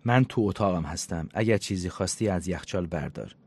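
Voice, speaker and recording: Irritable reclusive woman, curt and sarcastic, low husky read, as a male narrator voices her. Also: darkish tone.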